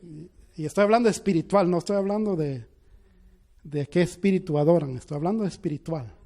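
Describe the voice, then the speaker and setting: A man preaching an impassioned sermon, telling a story and swinging from hushed passages to loud, emphatic ones. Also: a little high, a little fast. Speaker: pastor.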